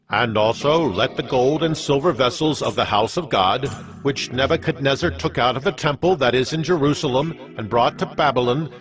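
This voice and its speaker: Over a music bed, a man with a mid-range, fairly everyday-sounding voice plays a commanding Persian king in a dramatized Bible reading, proclaiming a decree in a stately, imperious manner.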